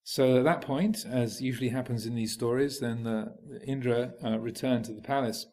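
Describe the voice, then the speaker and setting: Brief: male monk, mid-pitched voice, relaxed reflective teaching, halting storyteller. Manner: unhurried, hesitant, many fillers and restarts while storytelling. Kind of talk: reflective Buddhist teaching narration.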